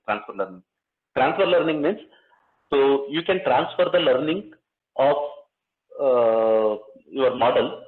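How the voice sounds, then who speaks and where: Halting South Indian man lecturing, dull audio. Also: mid-range voice. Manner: halting, frequent hesitant pauses and repeated filler tags. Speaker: lecturer, research scientist. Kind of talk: technical lecture, explanatory.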